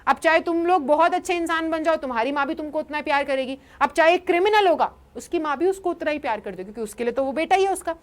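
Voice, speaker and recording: High-voiced Indian woman teaching English. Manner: lively, explains in Hindi with English example sentences read slowly. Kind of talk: online lesson.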